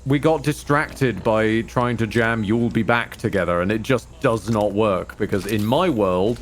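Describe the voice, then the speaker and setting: A man's voice: lowish voice, unhurried. A man co-hosting a game stream in casual banter, rambling and joking in a wry way. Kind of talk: casual gaming banter and commentary.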